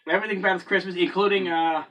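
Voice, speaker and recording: A man's voice: sits high, steady tone, racing, recorded from a distance, highs cut off. A man co-hosting a casual movie chat, hesitant and full of ums as he searches for names. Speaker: co-host of a movie review show.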